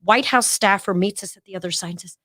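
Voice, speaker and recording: A middle-aged woman, a podcast guest, telling a story in an animated way and acting out the voices of the people she quotes. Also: medium pitch, quick pace, dry recording, clean studio sound. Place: podcast studio.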